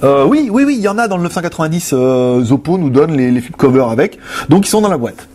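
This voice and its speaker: A young adult man answers viewer questions in a loose, rambling, joking way. His voice is husky and slightly high, and his pitch swings around a lot. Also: very animated, fast talker, a little mellow. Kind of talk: casual chat.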